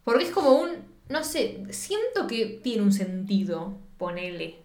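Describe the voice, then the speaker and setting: A young woman with a Rioplatense accent, co-hosting a podcast and chatting casually about a film in an animated, slangy way. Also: medium pitch, a little slow, echoey room. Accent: Rioplatense Spanish. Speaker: podcast co-host. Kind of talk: casual chat reviewing a film.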